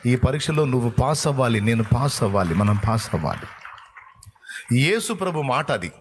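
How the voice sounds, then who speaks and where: A man's voice: mid-range voice, lively intonation, moderate pace, slight background noise. Man telling a folksy sermon story. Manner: folksy, vivid storytelling with emphatic lines. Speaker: preacher.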